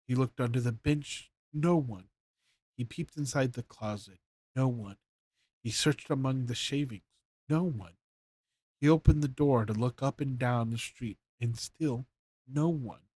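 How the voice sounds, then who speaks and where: A man's voice: mid-range voice, a little slow, a little mellow, slightly rough. Man stumbling through a bedtime story. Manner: stumbling, rereads and corrects himself. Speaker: streamer reading to chat. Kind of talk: casual bedtime story reading.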